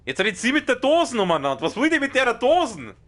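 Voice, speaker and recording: A young man with a Bavarian accent commentating his game stream live, with a loud, strong voice that can sound like shouting even in normal talk, excitable and quick to swear at the game. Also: extremely high pitch. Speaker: let's play streamer.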